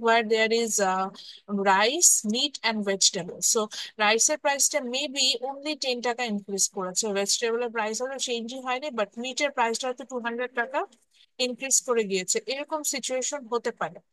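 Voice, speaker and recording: A woman's voice: on the high side, a bit bright, no echo, poor audio. A woman university lecturer teaching an online class, mixing English terms into her speech and often checking in with students. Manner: mixes English terms into Bengali, slow deliberate English phrases.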